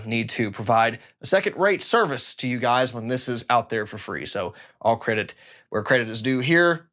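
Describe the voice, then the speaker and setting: A man's voice: mid-range voice, a bit bright. Chatty man explaining guitar pedals. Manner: enthusiastic, chatty, self-deprecating asides. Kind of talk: casual technical explainer.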